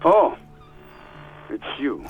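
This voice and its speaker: An actor playing a sarcastic, bored police doctor in a video game, dismissive and dry, heard over a radio line. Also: male voice, extremely slow, narrow, tinny audio, faint music behind. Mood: sardonic. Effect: radio transmission. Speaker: station doctor.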